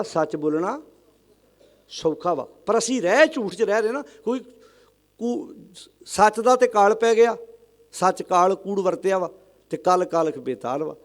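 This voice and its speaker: A man delivers a sermon in a high voice to a congregation. He presses his points with rhetorical questions and calls on the listeners to answer aloud. He slows down to chant lines of scripture. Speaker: Sikh religious preacher.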